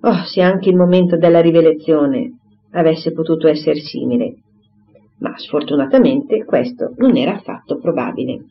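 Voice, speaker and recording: An audiobook reader narrating a classic novel with expressive, carefully paced delivery. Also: medium pitch, normal speed. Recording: slightly dull recording, faint hiss.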